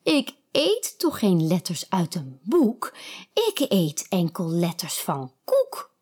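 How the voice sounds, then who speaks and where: A woman's voice: medium pitch, sing-song, slow, darkish tone, slightly rough, heavily acted. A woman voicing an odd princess who eats letter cookies, blunt and haughty. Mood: scornful.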